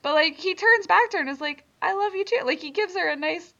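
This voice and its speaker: A woman's voice: very high-pitched, fast, creaky, bright, forceful tone. A young woman co-hosting a casual movie podcast, chatty and opinionated, full of fillers. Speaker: podcast co-host. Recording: slightly dull lo-fi audio.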